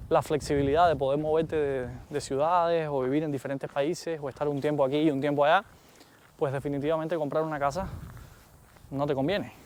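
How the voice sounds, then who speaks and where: A man with a Cuban accent chatting casually to his viewers in an animated vlog. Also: fairly high pitch, a little hiss or hum. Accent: Cuban Spanish. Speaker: vlogger. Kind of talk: casual chat to camera.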